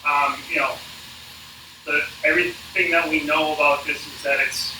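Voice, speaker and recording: Halting male cycling coach in a noisy, echoey room. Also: a little high, steady tone, recorded from a distance. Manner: halting, informal, dryly joking. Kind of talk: casual workout coaching on a livestream. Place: indoors in an apartment.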